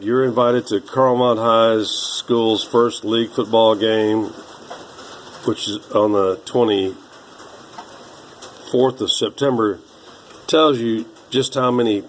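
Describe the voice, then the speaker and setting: A man in his sixties, rambling slowly through old papers, halting with many fillers. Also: fairly low pitch, a little hiss or hum, low-quality recording. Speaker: vlogger.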